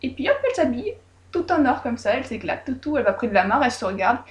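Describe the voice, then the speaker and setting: A woman casually retelling a folk tale with lively, irreverent, joking asides. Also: a little high, very fast. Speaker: storyteller. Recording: roomy echo.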